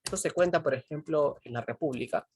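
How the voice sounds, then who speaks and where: A woman's voice: low voice, fairly quick, a little mellow, a little hiss or hum. A woman teaching a philosophy class, constantly checking in with her students, asking them questions and pushing them to answer. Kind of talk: online pre-university class.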